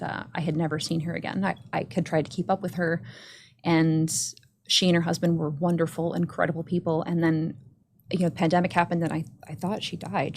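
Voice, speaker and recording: A woman's voice: on the low side, slight background noise. A middle-aged woman who owns a dance studio, telling a heartfelt story in a casual interview, earnest and full of restarts.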